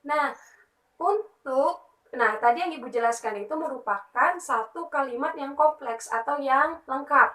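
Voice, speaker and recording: A woman's voice: high-pitched, a little slow, fairly bright tone, echoey room, recorded from a distance, rough recording. A young woman teaching a lesson for young children as a primary school teacher, explaining patiently and often checking in with "nah" and "ya".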